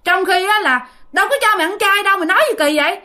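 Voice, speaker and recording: A woman's voice: very high-pitched, racing, sharp tone, voice pushed up. A woman voicing scolding older male relatives, exasperated.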